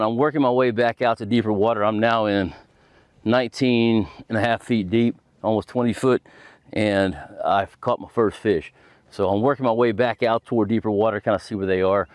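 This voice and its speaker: Middle-aged fishing host, low-pitched and folksy, rambling how-to talk outdoors on a boat, dry close sound. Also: male voice, no room sound. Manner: folksy, rambling, full of fillers. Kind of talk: casual instructional talk.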